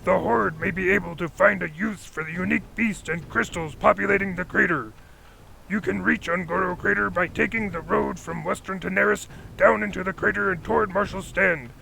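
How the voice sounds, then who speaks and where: A man putting on a gravelly orc herald. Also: high-pitched, a little fast, pushed and bright, a little hiss or hum, pitched above the performer's own voice, heavily acted, rough recording. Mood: commanding. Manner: proclaiming, commanding. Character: gruff male orc herald issuing orders.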